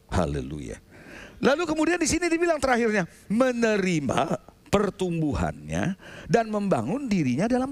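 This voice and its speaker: A man preaching a sermon as a pastor, telling stories with sudden loud outbursts. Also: very high voice. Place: church sanctuary.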